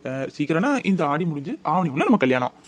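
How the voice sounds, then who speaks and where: A man's voice: a little high, very animated, quick pace. A man voicing a devoted young fiancé in a cartoon, coaxing and reassuring. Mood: earnest. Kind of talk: cartoon voice acting.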